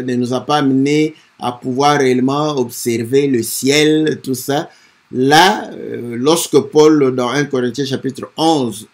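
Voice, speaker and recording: A man commenting on a hymn in a hesitant sermon style, filling pauses with frequent fillers. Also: medium pitch, a little mellow. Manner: hesitant, many "euh" fillers and "n'est-ce pas".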